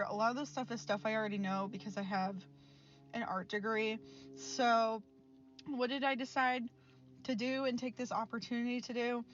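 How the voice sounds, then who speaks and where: In a casual vlog voice-over, a twenty-something art student with a fairly high voice talks frankly over her art footage, sounding mildly exasperated and laughing frequently. The recording's highs are cut off.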